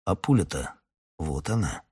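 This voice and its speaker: A man narrating an audiobook in a steady storytelling manner. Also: rumbling low, normal speed, slightly rough.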